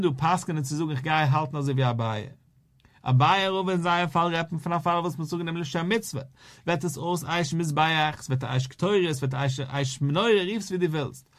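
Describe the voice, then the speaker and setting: A rabbi leads a Talmud lesson in a sing-song study cadence. His voice sits a little higher than most men's. He circles back and repeats his key phrases as he explains. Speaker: rabbi teaching daily Talmud page.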